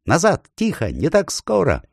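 A man's voice: fairly low pitch, very animated, moderate pace, slightly rough, no echo, studio quality, voice pushed up. A man putting on a sly, sneering ape. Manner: sneering, taunting, shouting orders. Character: sly scheming male ape, mocking and shrill.

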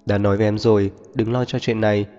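Man doing a calm confident young man, muffled echoey audio. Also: lowish voice, fast talker, natural voice. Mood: assured. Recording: muffled reverberant audio, faint music.

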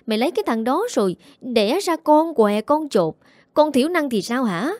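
Woman voicing older mother, furious, domineering, shrill, fast tirades, storybook. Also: big pitch swings, dark tone, dry recording, clean studio sound. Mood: furious scolding. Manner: shrill scolding, rapid tirades.

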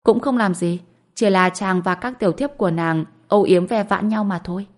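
A woman's voice: mid-range voice, moderate pace, close to an everyday voice. A woman voicing a playful, teasing young wife in an audiobook. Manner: teasing, mischievous. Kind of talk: audiobook character voice.

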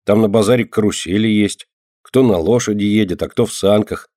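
A man reading an audiobook and voicing a proud, rough street boy who scolds loudly. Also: fairly low pitch, brisk, no echo, studio quality, close to an everyday voice. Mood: earnest. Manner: gruff, scolding, loud.

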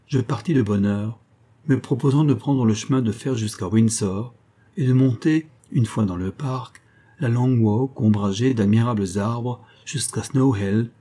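Guy narrating an old story, lowish mellow voice, kinda husky, steady reading. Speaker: audiobook reader. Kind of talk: scripted narration.

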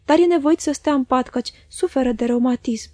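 A devoted old housekeeper, tender and affectionate, as a woman reads her. The voice is high and soft-toned with a breathy grain. It is storybook narration with a dry, close sound. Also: dry recording. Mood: guarded. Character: devoted elderly housekeeper woman, tearful and loving.

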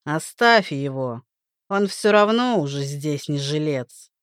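Woman voicing a scornful low-voiced rain god. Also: animated, slow, no echo, studio quality. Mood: contemptuous. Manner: contemptuous, menacing. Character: arrogant cruel male rain god.

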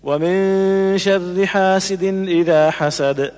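A man reciting Quranic verses slowly in a melodic chant, drawing out the vowels, as examples in a lesson. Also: high voice, a little mellow, long reverb tail.

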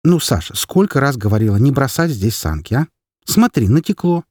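A man's voice: mid-range voice, sing-song, normal speed, darkish tone, no echo, clean studio sound, voice pushed up. A man voicing an exasperated mother in her thirties who scolds her son and complains about her husband, in an audiobook. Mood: scolding. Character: harried Soviet-era mother, woman in her thirties.

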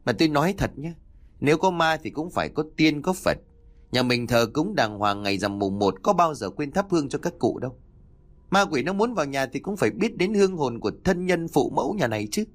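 A man's voice: fairly high pitch, sing-song, a little fast, pitched above the performer's own voice. A man voicing a domineering old husband who scolds his wife in a brusque manner. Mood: scolding.

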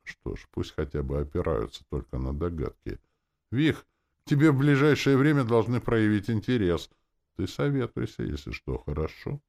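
A composed middle-aged schoolteacher who speaks with measured authority and warmth, as a man puts her on. His voice is lifted above his own, with a rough edge underneath. It is an audiobook reading. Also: fairly low pitch, sing-song, voice pushed up. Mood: stern. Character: middle-aged woman teacher, stern but kind.

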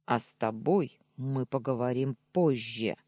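A man's voice: mid-range voice, sing-song, measured pace, dry recording, clean studio sound. A reader voicing a jealous, protective young man who growls short, curt questions. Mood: gruff, jealous.

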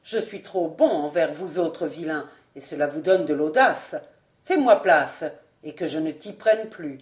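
Woman doing a gruff old nobleman. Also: low-pitched, huge pitch swings, a little slow, darkish tone, reverberant, voice pushed down, exaggerated voice. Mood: stern. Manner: grumbling, severe. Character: stern old male nobleman, gruff and commanding.

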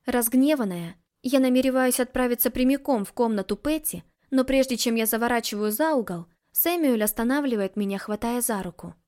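High-voiced woman narrating an audiobook. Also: a little fast, few pauses, a little mellow. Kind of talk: first-person scripted narration.

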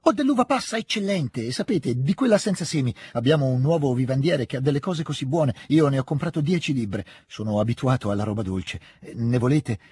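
Guy putting on an excited teen boy soldier, rushed and eager, mellow husky tone. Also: mid-range voice, dry recording, lightly acted. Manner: rushed, overeager, generous.

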